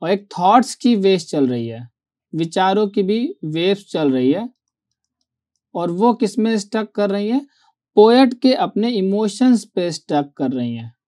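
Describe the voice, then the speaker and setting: A male teacher giving an online poetry lecture, reading verse lines out slowly and often checking whether students have followed. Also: high-pitched, very animated, dark tone.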